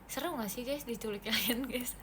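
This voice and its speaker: A woman's voice: fairly high pitch, brisk, sharp tone, slight background noise. A woman livestreaming to fans in a casual, playful chat, reading comments aloud and mixing in English words.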